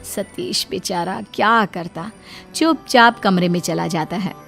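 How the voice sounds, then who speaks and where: A woman giving steady, scripted narration for a cartoon moral story. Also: on the low side, measured pace, creaky, faint music behind.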